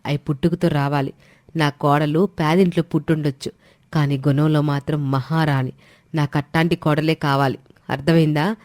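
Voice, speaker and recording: A woman voicing a proud, stern middle-aged mother-in-law in a storybook drama, speaking forcefully. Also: sits low, fairly even intonation, moderate pace, no echo, natural voice. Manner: forceful, scolding.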